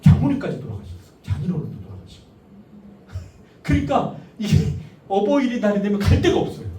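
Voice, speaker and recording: Animated Korean lecturer man, echoey hall. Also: high-pitched, a little fast. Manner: animated, jokey, asks audience questions. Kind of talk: lively family-education lecture. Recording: echoey hall, distant mic, faint noise.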